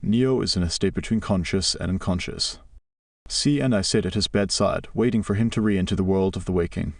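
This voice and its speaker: A man calmly reading a novel in first person, reflective and even as an audiobook narrator. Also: low voice, gravelly, dry recording, clean studio sound, far from the mic.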